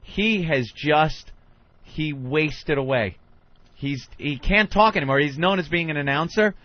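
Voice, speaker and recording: A man's voice: fairly high pitch, unhurried, highs cut off. A male radio host, bantering in a wry, mocking way. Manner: wry, mocking, drops into mimicking voices. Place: radio studio.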